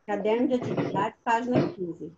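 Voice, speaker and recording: Patient teacher on a dull call. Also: female voice, fairly high pitch, normal speed, heavy background noise. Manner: patient, questioning, calls pupils by name. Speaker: primary school teacher. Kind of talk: online class instruction.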